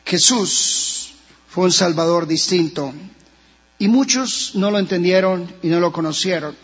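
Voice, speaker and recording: Colombian man, pastor preaching, high voice, husky, impassioned pitch swings, long church reverb, muffled sound. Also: unhurried. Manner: impassioned preaching with sudden rises and drops in pitch. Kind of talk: sermon. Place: church sanctuary.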